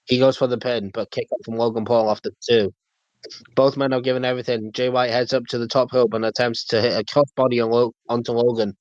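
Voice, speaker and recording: A man's voice: medium pitch, no echo. A man hosting a podcast, casually narrating a play-by-play recap while friends chime in. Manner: plays by play, laughing along with friends. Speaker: podcast host. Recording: dull, lo-fi, dry sound.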